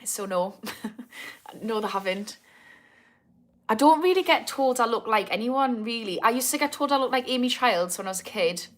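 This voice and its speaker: A woman in her thirties with a Geordie accent chats casually on a livestream, answering viewer comments with self-mocking humour and frequent laughter. Her fairly high voice is a bit bright, with lively intonation, normal speed, and long pauses.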